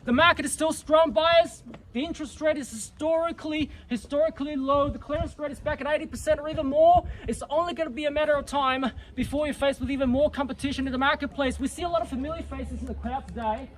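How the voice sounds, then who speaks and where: A man's voice: very high voice, steady tone, fast, a little hiss or hum, low-quality recording. A man working as a real estate auctioneer, calling bids at a live auction with showy, repetitive patter that rallies the bidders. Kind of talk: live auction calling, repeating bid amounts. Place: live property auction before a crowd.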